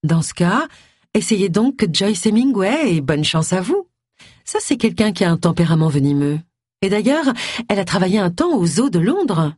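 A woman voicing a glamorous, flirty soap actress with a husky, bright, teasing voice. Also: medium pitch, very animated, moderate pace, no echo, clean studio sound. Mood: brisk. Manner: bright, playful and mocking.

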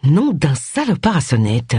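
Reader doing high-pitched woman sleuth, brusque, sharp-tongued, urgent, husky, dry close audiobook sound. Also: animated, normal speed, dry recording. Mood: grim.

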